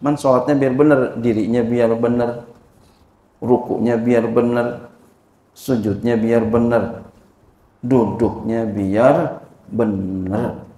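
A man's voice: medium pitch, fairly even intonation, slow, pauses often, warm tone, roomy sound. A man giving an informal religious lesson, repeating phrases and addressing his listeners directly. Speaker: religious teacher.

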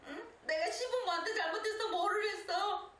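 A woman's voice: very high-pitched, normal speed, sharp tone, slight background noise. A woman complaining to her husband, laughing wryly as she talks. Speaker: wife. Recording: very echoey, from far off the mic.

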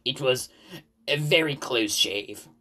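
A man's voice: medium pitch, animated, gravelly, a bit bright, breathy edge, exaggerated voice. Formal, dignified old railway boss, read by a man. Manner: measured, formal, pausing for effect.

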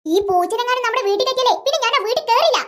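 Woman putting on a lower gruff cartoon boy, selfish big brother, scheming and grumbly. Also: lively intonation, very fast, fairly bright tone. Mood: grumbling.

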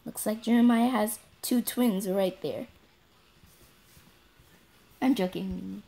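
A woman's voice: mid-range voice, slow, gravelly, mellow. A woman hosting a casual, playful let's-play chat, giggling often as she talks. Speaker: gaming channel host.

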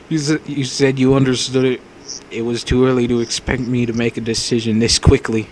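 Speaking into a wireless mic, a man narrates a visual novel as a let's play host, cracking crude jokes and laughing often in loose gaming chatter. His delivery is flat and a little mellow, at a middle pitch and normal speed, with a soft hiss of noise beneath.

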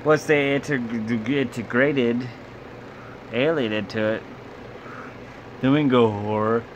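Casting: drunk young male amateur reviewer, average pitch, loose profane delivery, noisy small-room home recording. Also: slow pace. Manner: loose, rambling, blunt, swearing. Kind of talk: rambling casual video review, profane. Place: small bedroom, indoors. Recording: clear background hum and noise.

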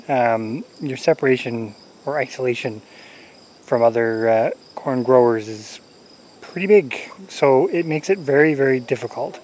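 The low-quality recording comes from a camera-mounted mic held at arm's length by a forty-something homesteading vlogger standing in his corn garden. Speaking in a mid-range voice, he talks casually and wanders from point to point with plenty of fillers and chuckles, as crickets and insects chirp faintly nearby.

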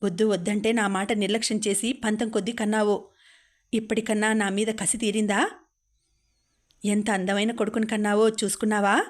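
A cold, mocking husband, read by a woman narrator, every line cutting and contemptuous. The delivery stays flat with a narrow pitch range. It sits in a storybook reading. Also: moderate pace, natural voice. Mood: scornful. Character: harsh, sneering young husband.

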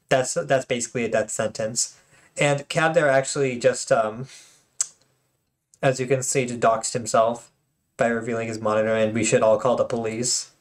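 A man hosting his own channel and commenting casually on tournament replays, chatty and joking, with lots of fillers and restarts. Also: mid-range voice.

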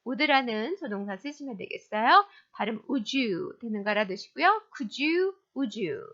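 A woman teaching a beginner English lesson in a cheerful, teacherly way, slowly drilling the model sentences. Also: a little high, very animated, a bit bright, lo-fi sound.

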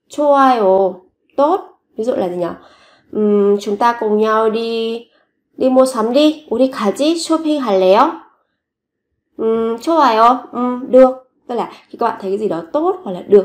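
A woman teaching a language lesson, explaining short phrases and repeating each example slowly and clearly, often lifting her voice on the example phrases. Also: medium pitch, a little mellow.

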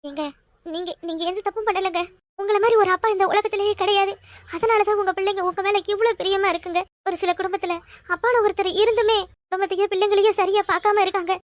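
A sorrowful cartoon mother, played by a woman speaks. Her voice is very high and quick, and it sits dry and close to the mic. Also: no room sound. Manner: tearful, earnest pleading. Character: loyal wife and mother, sorrowful but firm. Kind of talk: cartoon voice acting.

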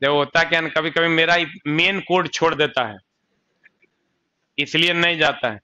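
A man's voice: on the high side, normal speed, sharp tone, lo-fi sound. A man with a Bihari accent teaching a coaching class, chatty, often asking the students questions and answering them himself. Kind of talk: classroom lecture.

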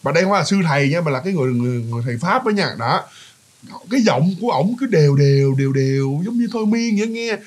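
Chatty and quick, a Southern Vietnamese-accented man spins a casual ghost story, addressing listeners directly and looping back over his words with lots of fillers. His voice is a little husky, sits on the high side, and moves in lively swings.

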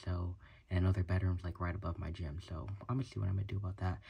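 Racing along in a low, dark, flat voice, this twenties-aged vlogger chats loosely to his camera, swearing casually and using many fillers. He is setting up a home gym in a small room with colored lights indoors. Clicks and clear room noise can be heard.

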